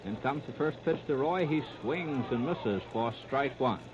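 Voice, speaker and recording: With a crowd audible behind him, this announcer delivers clipped, running 1930s-style radio play-by-play of a baseball game. He's an American man with an expressive mid-range voice and an unhurried pace, heard on a muffled, heavily noisy 1939 radio disc.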